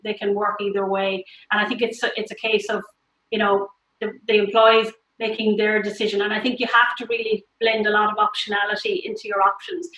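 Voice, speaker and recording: Female interviewee, bright forceful voice, explanatory, conversational, echoey room. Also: medium pitch. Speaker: tech industry interviewee. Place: online video call. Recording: echoey room over video call.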